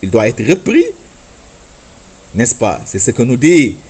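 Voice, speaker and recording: A man teaching a religious lesson in a slightly husky voice. His pitch moves a lot as he explains points patiently and sings out words to show how they should sound. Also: sing-song, a little slow, darkish tone. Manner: patient, explanatory, demonstrates chanted Arabic words and repeats "n'est-ce pas". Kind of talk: religious instruction talk.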